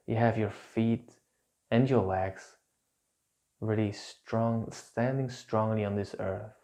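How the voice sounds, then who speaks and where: Low, mellow man leading a calm grounding exercise. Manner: soothing, repetitive, gentle instructions with pauses. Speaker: instructor leading a guided relaxation exercise.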